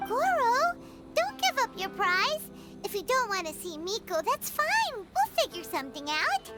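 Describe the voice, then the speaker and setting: A woman voicing a tiny, childlike, cheeky and encouraging female companion in a video game, squeaky and exclamatory. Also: big pitch swings, unhurried, loud music behind the voice, exaggerated voice. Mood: pleading, reassuring. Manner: squeaky, exclamatory, third-person self-reference.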